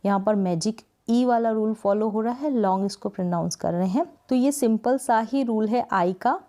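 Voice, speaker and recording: A woman from India teaching English spelling rules, patiently repeating words and stretching syllables slowly to show pronunciation. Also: a little high, warm tone. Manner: slow, drawn-out syllable-by-syllable pronunciation drills; patient, repeats words often with "thik hai" checks. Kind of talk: explanatory lesson.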